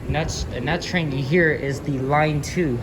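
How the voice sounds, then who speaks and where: Very loud vehicle and city noise surrounds a man's voice. He talks informally, as a transit vlogger would, explaining what is around him in a casual commentary. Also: on the high side, measured pace. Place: on subway trains and platforms. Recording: very loud train and traffic noise.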